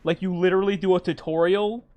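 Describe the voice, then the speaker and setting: Male game streamer, slightly high pitch, off-the-cuff chat, puts himself down. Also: steady tone, fast talker, muffled recording. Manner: self-deprecating. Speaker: livestreamer.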